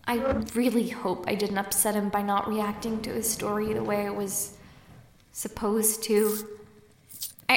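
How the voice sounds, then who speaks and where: A woman's voice: medium pitch, fairly bright tone. A woman playing an awkward, earnest young barmaid in a fantasy audio drama, musing hesitantly. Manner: hesitant, musing, self-doubting. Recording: roomy echo, faint background noise.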